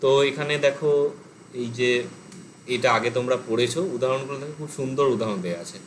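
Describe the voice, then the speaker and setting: A man's voice: mid-range voice, quick pace, slight background noise, low-quality recording. A man teaching an online language class, explaining step by step, thinking aloud with fillers. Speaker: Pali teacher.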